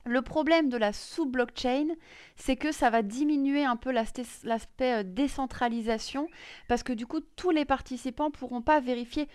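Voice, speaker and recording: A woman's voice: sits high, moderate pace, darkish tone, clean tone, no room sound, studio quality. A woman presenting crypto news in a casual screen-share explainer, chatty and full of hesitations. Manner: many fillers and restarts, chatty.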